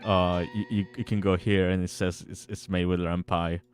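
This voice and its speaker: Chatting casually on a livestream, a game developer stammers and repeats his words, sometimes switching to read-aloud narration. His low-pitched voice is clear and resonant, with a flat delivery at a moderate pace, and guitar music plays in the background.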